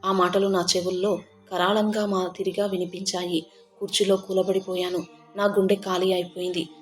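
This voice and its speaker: A woman's voice: lowish voice, level tone, moderate pace, soft background music. A woman narrating a first-person audio story in the tender, grieving voice of a mother.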